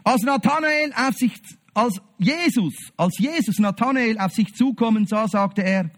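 A man with a Swiss German accent preaching a sermon to his congregation, animated, acting out the Bible scenes in quoted voices. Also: high-pitched, measured pace.

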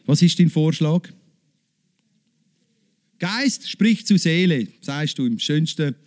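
Man, sermon, high-pitched, lively, questioning the congregation. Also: slow pace. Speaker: preacher.

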